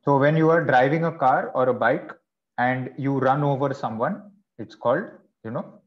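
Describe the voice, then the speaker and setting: Man teaching an online class, lo-fi sound. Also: mid-range voice. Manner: explains slowly, checks in with "okay" and "right". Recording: dull lo-fi online class audio.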